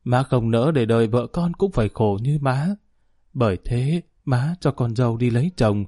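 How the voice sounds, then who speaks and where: Audiobook: male narrator reads an older mother mourning her son, slow lament, dark timbre. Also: mid-range voice, lively intonation, no room sound, studio quality, lightly acted. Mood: grieving.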